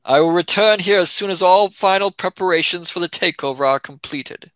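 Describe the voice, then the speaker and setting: A man playing an arrogant, scheming politician who speaks in a smooth, commanding and self-assured way. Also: high voice, fairly quick, sharp tone, no echo.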